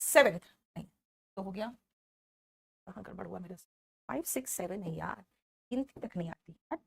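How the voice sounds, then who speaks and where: A woman's voice: mid-range voice, animated, normal speed, gravelly, breathy edge. A woman teacher with a Hindi accent gives an online English lesson, explaining each rule step by step and calling on students by name.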